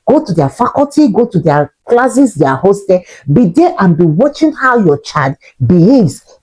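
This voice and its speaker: Woman, mellow lower voice with lively pitch, earnest lecturing commentary. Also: low-quality recording. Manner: earnest, lecturing, repeats points for emphasis. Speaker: parenting commentator. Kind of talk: casual commentary to camera.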